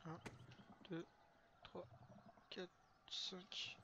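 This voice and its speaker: A man's voice: high voice, flat delivery, extremely slow, muffled recording, background noise. A man streaming a game in casual commentary, crude and slangy, often muttering and counting aloud to himself.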